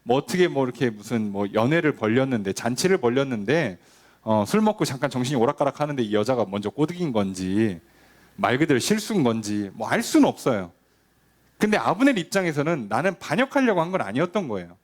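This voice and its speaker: A man's voice: mid-range voice, big pitch swings, fast talker. A male pastor giving a conversational sermon, often asking the congregation rhetorical questions and acting out quoted lines.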